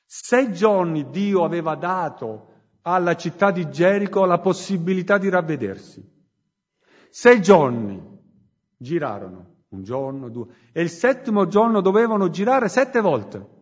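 A man preaching a sermon in a church hall, slow and emphatic, swinging between loud and hushed phrases. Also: high voice, very animated. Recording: muffled recording with long hall reverb.

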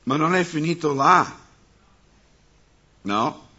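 Husky-voiced pastor preaching a sermon. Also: male voice, on the high side, animated, slow pace, pushed and bright. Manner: preaching with rhetorical questions to the congregation. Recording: dull muffled sound.

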